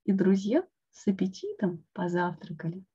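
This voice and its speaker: A woman reading a picture book aloud to children with expressive, slow storytelling. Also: medium pitch, husky. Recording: dull lo-fi online call.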